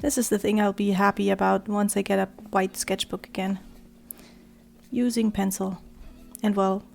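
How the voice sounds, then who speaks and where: Hoarse, raspy woman with a cold, gravelly, chatting quietly over a drawing, faint music behind. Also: mid-range voice, moderate pace. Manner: quiet, monotone, drifting into soft murmurs. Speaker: art vlogger. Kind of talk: casual talk while drawing.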